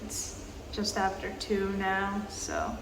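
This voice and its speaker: This woman in her twenties has a gravelly, mid-range voice and talks in a slow, even, halting way full of fillers, as vloggers often do in casual travel chat. The clip comes from a small tiled public bathroom indoors, with a roomy echo and a little background noise.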